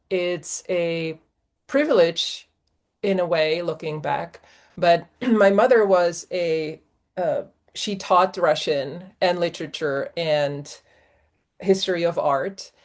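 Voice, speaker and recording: A woman from Czechoslovakia, a guest on an interview podcast, talking in a thoughtful, measured way. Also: on the low side. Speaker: guest, executive coach and professor. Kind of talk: reflective interview talk.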